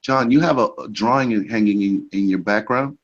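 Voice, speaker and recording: A man's voice: on the low side, moderate pace. A man in a casual group voice chat whose audio feedback echoes his phrases back. He keeps repeating a question to get heard. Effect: audio feedback echo repeating his phrases. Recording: distant, dull, echoing call audio.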